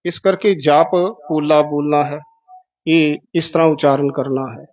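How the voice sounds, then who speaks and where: Male recitation teacher, fairly high voice, repeats words slowly, muffled lo-fi sound. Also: steady tone. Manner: methodical, repeats words syllable by syllable. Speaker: Gurbani pronunciation teacher. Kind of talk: explaining correct recitation of scripture.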